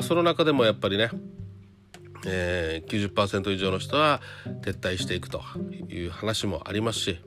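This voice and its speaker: A man giving a casual solo monologue to viewers, chatty and full of rhetorical questions and little tag fillers. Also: on the low side. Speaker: trader talking to viewers. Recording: guitar music under the voice.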